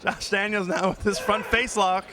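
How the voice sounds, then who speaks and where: High-pitched wrestling announcer, a man. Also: moderate pace. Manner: excitable, exclamatory calls of the action. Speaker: wrestling play-by-play commentator. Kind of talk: live wrestling commentary. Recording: noisy arena with loud crowd behind. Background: crowd noise of a live wrestling show.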